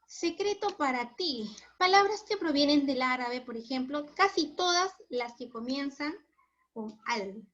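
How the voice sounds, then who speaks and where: A woman's voice: high-pitched, expressive, unhurried, fairly bright tone. A woman teacher giving a chatty recorded lesson, asking herself questions and answering them. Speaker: school teacher. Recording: dull lo-fi recording.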